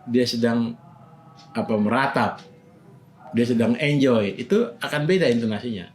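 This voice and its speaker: A man's voice: mid-range voice, normal speed, soft background music. A man casually explaining acting methods, often breaking into short acted example lines. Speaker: acting teacher.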